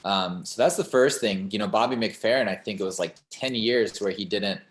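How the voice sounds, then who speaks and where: A man's voice: on the low side, normal speed. Rambling young man in a roomy room. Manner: rambling, animated, many "like" and "you know" fillers. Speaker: singer-songwriter guest. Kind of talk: casual interview chat. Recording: roomy echo.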